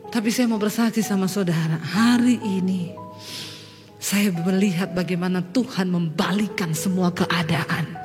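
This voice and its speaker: A middle-aged Indonesian woman pastor preaching a sermon with personal testimony, switching between soft confiding and high, tearful pleading. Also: measured pace, big-room sound, soft background music. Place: church hall.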